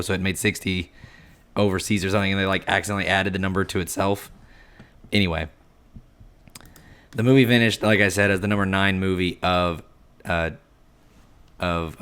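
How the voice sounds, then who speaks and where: Low, froggy-voiced man with a cold. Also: fairly bright tone, clean tone. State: hoarse, froggy voice from losing his voice to a cold. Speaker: podcast co-host. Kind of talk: casual film facts rundown.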